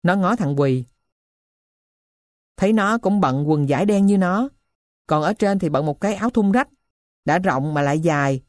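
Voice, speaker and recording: Woman reading a novel aloud, lowish voice, dry close mic. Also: animated, normal speed, long pauses, a little mellow, no echo. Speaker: narrator. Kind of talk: scripted narration of a novel.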